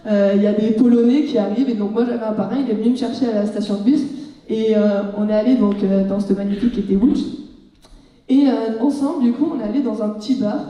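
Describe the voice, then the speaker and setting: A young French woman telling a humorous story about her student exchange, lively and joking, acting out bits of dialogue. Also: fairly high pitch, fast. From France. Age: young adult. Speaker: student speaker. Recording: echoey hall, heard from far off.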